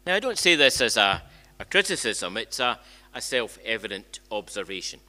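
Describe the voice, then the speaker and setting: An older man preaches a conversational sermon as a church minister, his lowish voice sing-song, bright and forceful at a normal speed. He often restarts and repeats phrases and poses rhetorical questions. He's indoors in a church sanctuary, speaking into a gooseneck lectern microphone.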